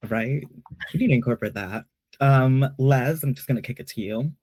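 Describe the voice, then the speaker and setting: A man's voice: medium pitch, normal speed, darkish tone, slightly rough, dry recording. Playful Peruvian-born man moderating a chat. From Peru. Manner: playful, chatty, hesitant fillers. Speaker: panel moderator. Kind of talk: casual online panel chat.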